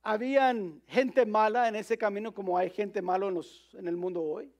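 High-voiced, gravelly man preaching. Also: steady tone, normal speed. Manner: storytelling, with frequent restarts and fillers. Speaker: pastor. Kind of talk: sermon.

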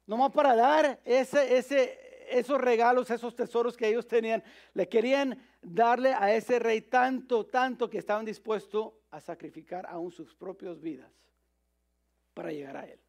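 High-voiced, gravelly man preaching. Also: darkish tone. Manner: storytelling, with frequent restarts and fillers. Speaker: pastor. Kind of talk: sermon.

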